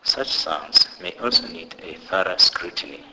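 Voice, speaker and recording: A man teaching pronunciation in a scripted lesson, deliberately saying each example word twice. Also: low voice, lively intonation, long reverb tail, heavy background noise. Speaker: language teacher.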